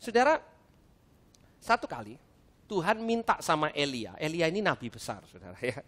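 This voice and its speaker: A middle-aged man, preaching a lively sermon at a church service and acting out the dialogue in his stories. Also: on the high side, moderate pace. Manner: animated storytelling with acted-out dialogue. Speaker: pastor.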